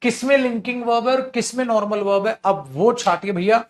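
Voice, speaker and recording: Guy with a high voice teaching english grammar online, chatty, calls students beta and bhaiya. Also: fairly even intonation, a little fast. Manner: mixes Hindi with English examples. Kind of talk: online class lecture. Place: at home or in a studio, drinking tea while teaching.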